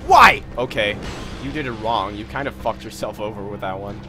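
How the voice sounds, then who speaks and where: A man's voice: fairly low pitch, a little fast, music in the background. A man commentating on his own gameplay in a casual, swearing, self-mocking way. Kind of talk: let's play commentary.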